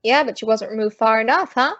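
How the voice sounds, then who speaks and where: High-voiced wisecracking Maisie, played by a woman. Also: quick pace, fairly bright tone, no room sound, close to an everyday voice. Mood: skeptical, wry. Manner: sassy, slangy delivery. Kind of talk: old-time radio comedy acting. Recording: dull lo-fi close dry recording.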